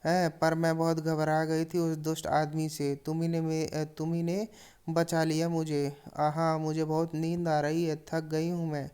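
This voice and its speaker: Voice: mid-range voice, completely flat delivery, unhurried, darkish tone, clean tone, natural voice. A teacher voicing a playful, mischievous little girl in a storybook scene, reading her lines aloud.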